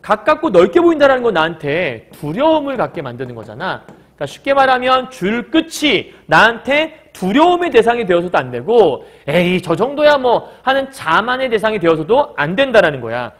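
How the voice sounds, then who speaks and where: Male literature teacher, high and lively voice, lectures by firing questions at the class and answering them. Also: fairly quick. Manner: breaks into short acted quotes of characters.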